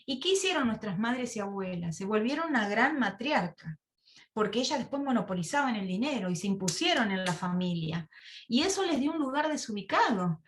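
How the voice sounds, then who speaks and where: A woman's voice: fairly high pitch, a little fast, a little hiss or hum. A woman giving a sermon-style Bible study to a women's group over a video call. She tells stories and asks her listeners rhetorical questions. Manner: animated storytelling, rhetorical questions. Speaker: women's service speaker.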